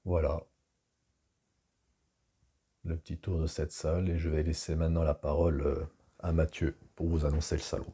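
Deep husky-voiced man guiding a tour. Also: moderate pace, long pauses. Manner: relaxed guide voice with fillers. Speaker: guide giving a shop tour. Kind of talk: narrated walkthrough tour. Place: multi-floor hi-fi store, indoors.

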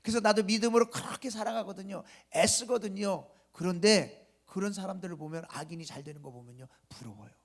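A male pastor preaching at an early morning church service, asking the congregation rhetorical questions and dropping from loud emphasis to a soft whisper at the ends of phrases. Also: sits high, brisk, hardly any pauses. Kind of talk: sermon.

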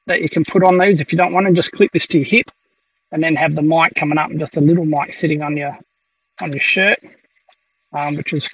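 A man's voice: on the high side, slight background noise. A man giving a casual gear review from his workshop, hesitant and full of ums and restarts. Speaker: tech reviewer. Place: home workshop with 3D printers running. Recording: muffled, mic a bit far off.

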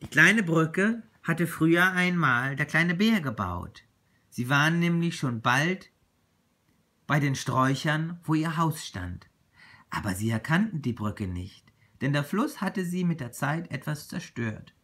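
Slow, lively man reading a children's story. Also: fairly high pitch. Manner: expressive, unhurried storytelling. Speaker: reader.

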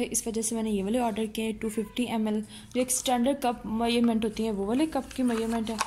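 A woman with a slightly high voice chats casually through an unboxing review of baking gear, and she pauses often as she shows each item. She sits at home with a phone filming from above. Faint background hiss is under her voice. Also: a little mellow. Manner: chatty, frequent hesitations, shows items one by one. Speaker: cooking channel host. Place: indoors at home, seated over a box.

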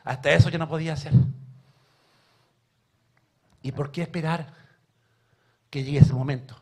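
A man preaching a sermon in a church, telling stories with emotion and swinging from soft to loud. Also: on the high side, fairly even intonation, moderate pace. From Chile.

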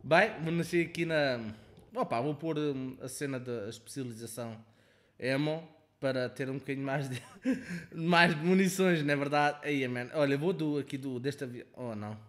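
A young man with a European Portuguese accent giving excitable, profane commentary over his own gameplay, taunting other players. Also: a little high, moderate pace. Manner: excitable, swearing, taunting players, swings between shouting and muttering. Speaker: gaming channel host.

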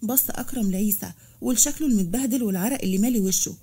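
Fast Egyptian woman narrating a story. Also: mid-range voice, dark tone, breathy edge.

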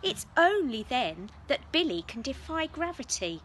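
A wise old storybook cat who speaks slowly, weighing each word with calm caution, as a woman reads her aloud. Her voice is bright and lively in pitch, rising high on warnings. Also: slight background noise, full character voice.

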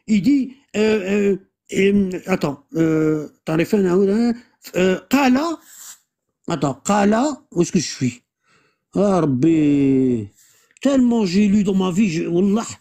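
Husky voice, mid pitch, halting, filler-heavy, reads Arabic then explains, casual religious discussion. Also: lively intonation, warm tone. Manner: keeps pointing listener to the text.

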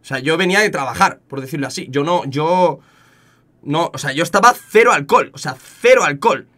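A young man with an accent from Spain, telling a story casually to his chat, animated and often repeating words. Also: fairly high pitch, a little fast. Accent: Spain Spanish. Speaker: streamer.

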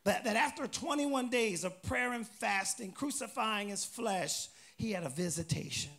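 A male pastor with a high, gravelly voice preaches in a church. He reads scripture aloud in loud rising bursts and keeps prompting his congregation to answer. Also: animated, moderate pace. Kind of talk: call-and-response sermon.

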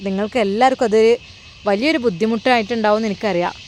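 A woman narrating a story in an earnest, gently dramatic way, outdoors in the evening. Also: on the high side, racing, slight background noise. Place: outdoors in the evening in hilly countryside. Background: faint crickets and insects.

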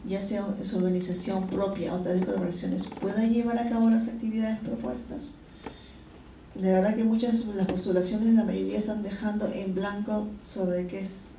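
A woman's voice: medium pitch, dark tone, a little hiss or hum. A woman in her forties with a Peruvian accent, giving a conference presentation into a handheld mic with frequent fillers and restarts. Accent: Peruvian Spanish. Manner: explanatory, many fillers and restarts. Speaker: conference speaker from a research funding agency. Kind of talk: presentation talk. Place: conference hall. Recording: echoey hall, from far off.

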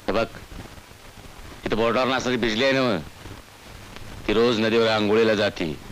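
A man's voice: fairly low pitch, steady tone, moderate pace, a bit bright, a little hiss or hum, close to an everyday voice, poor audio. An actor playing a scheming older village man who gives coaxing, rustic instructions. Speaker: film character. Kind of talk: 1980s film acting.

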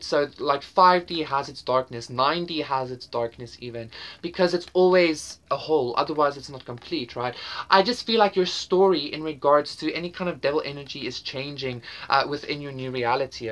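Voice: medium pitch, fairly bright tone. A tarot reader giving a casual pick-a-card reading, who talks straight to the viewer and rambles with repeated words and frequent "okay?" check-ins. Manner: enthusiastic, intuitive, talks directly to the viewer.

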